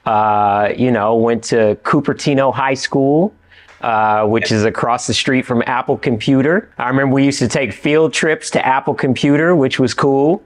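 A middle-aged man from California chatting as a guest in a studio interview. He talks with animated energy and keeps checking in with "you know what I mean". His pitch sits in an ordinary middle range for a man. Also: normal speed. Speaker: actor and writer, interview guest. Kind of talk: casual interview chat. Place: indoor studio with dark backdrop.

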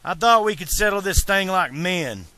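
Cocky teen hero, read by a man, raised pitch, calm and sure, audiobook. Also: measured pace, clear, resonant tone, exaggerated voice. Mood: confident. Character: confident teenage boy hero.

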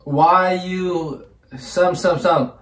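A man's voice: sits high, fairly even intonation, extremely slow. A young man guesting in a friend's video, laughing often and teasing back. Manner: giggly, teasing. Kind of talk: casual banter. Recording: echoey room, distant mic, faint noise.

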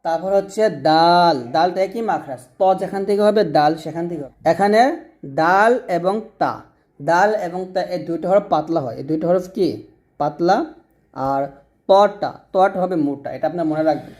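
A Quran recitation teacher instructs on Arabic letter pronunciation, patiently repeating each sound and prompting listeners to say it after him. His voice is on the high side and darkish in tone, and he speaks fairly quickly in a repetitive call-and-repeat drill.

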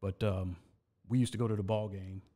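A man's voice: lowish voice, fairly even intonation, a little fast, mellow. A man who is a podcast guest, telling stories from his life in a casual studio chat, earnest and often restarting with repeated words.

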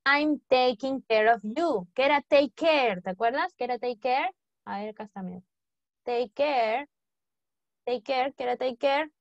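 A woman's voice: high voice, normal speed, gravelly, no room sound, dull audio. A woman teaching an English lesson, coaxing students with constant questions and repetition. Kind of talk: classroom lesson explanation.

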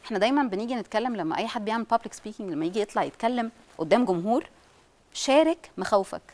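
A woman with an Egyptian Arabic accent speaking as a parenting specialist on a studio talk show, animated and acting out what parents say. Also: medium pitch, racing.

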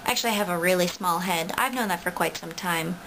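A woman's voice: on the low side, fast, noisy background. A young woman in a playful, self-mocking comic video entry, speaking in a practiced fake British accent. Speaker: vlogger.

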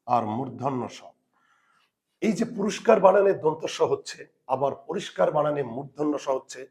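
A man's voice: a little high, a little mellow. A male teacher giving a spelling lesson to students, patiently repeating each rule and working through examples. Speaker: Bengali grammar teacher.

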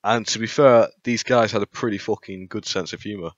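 A man giving a relaxed, casual intro to his video, talking loosely and swearing freely. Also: fairly low pitch, fairly quick, no room sound. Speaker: video uploader. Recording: dull lo-fi mic audio.

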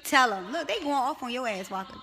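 A woman's voice: sits high, animated, a little fast, pushed and bright. A woman with a Baltimore accent chatting casually on a phone livestream from bed, teasing and cursing as she talks to her viewers. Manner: teasing, profane, addresses viewers. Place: bedroom, in bed.

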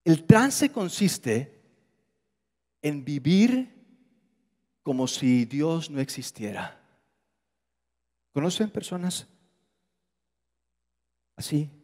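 A man with a high-pitched voice delivers an animated sermon. He acts out quoted voices and drops to a hushed low register for emphasis. His voice rings with the long reverb of a church hall. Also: extremely slow, pauses often. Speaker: pastor.

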